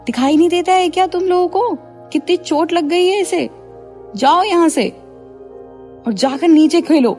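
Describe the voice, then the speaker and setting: A woman voicing a proud, touchy young college woman who speaks in a snappy, sharp-tongued way. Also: on the high side, fast, soft background music, natural voice. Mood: angry.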